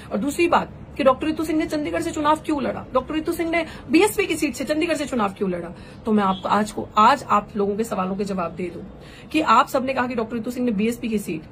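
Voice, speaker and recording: A woman's voice: a little high, lively intonation, fast, a bit bright, a little hiss or hum. Fervent woman giving a political address. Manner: fervent, rhetorical, mixes English phrases. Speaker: political activist and candidate. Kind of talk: impassioned live political address.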